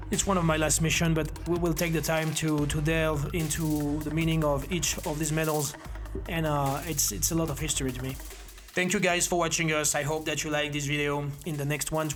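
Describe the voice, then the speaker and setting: A man, founder of a self-defense academy and former army officer, earnestly telling his own story to camera. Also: fairly high pitch. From Belgium. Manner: earnest, steady, measured delivery. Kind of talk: presenting to camera, personal story.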